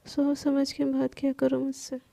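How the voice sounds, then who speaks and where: A sneering young male boss who schemes behind others' backs, voiced by a woman narrator. High-pitched for a man, with a gravelly, mellow sound. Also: monotone, moderate pace. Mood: smug.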